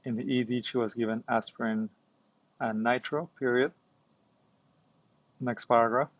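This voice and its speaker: A man's voice: mid-range voice, fairly even intonation, normal speed, no room sound. A man, a doctor, doing medical dictation in clipped phrases, speaking punctuation and commands aloud. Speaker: doctor and founder demonstrating dictation.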